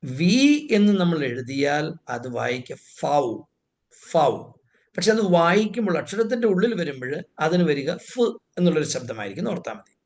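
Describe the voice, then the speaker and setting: A man's voice: a little high, very animated, fairly quick, a little mellow. A man teaching a language lesson, saying each letter sound twice and explaining it patiently. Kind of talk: slow, step-by-step lesson explaining pronunciation.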